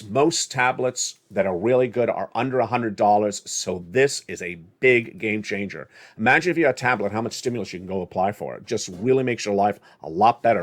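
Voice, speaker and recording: A man hosting a live finance stream, talking excitedly with loud bursts and slow, stretched words for emphasis. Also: lowish voice. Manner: excited, emphatic, swings between loud bursts and quiet asides. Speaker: channel host. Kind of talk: hyped live stream monologue.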